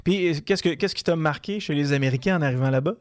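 A man's voice: fairly high pitch, fast talker. A man with a Québécois French accent hosting a casual interview, chatty, familiar and joking. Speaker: host.

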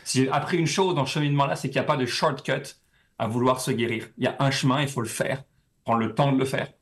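Fast-talking Frenchman in a relaxed interview. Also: mid-range voice. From France. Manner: relaxed, rambling, frequent fillers. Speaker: guest. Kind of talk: casual interview conversation.

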